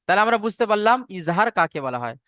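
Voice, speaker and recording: A man's voice: high voice, sing-song, quick pace, pushed and bright, no room sound, studio quality. A man teaching Quran recitation in an online class, patiently repeating and spelling out syllables. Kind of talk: online tajweed class lecture.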